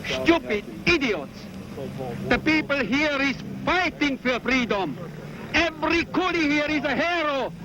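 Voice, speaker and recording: A man's voice: very high-pitched, expressive, measured pace, a crowd in the background, low-quality recording. A man with a Hungarian accent, angrily berating demonstrators in a street interview. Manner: angry, berating, lecturing. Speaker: counter-protester. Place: outdoor street protest. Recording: loud street noise, archive film.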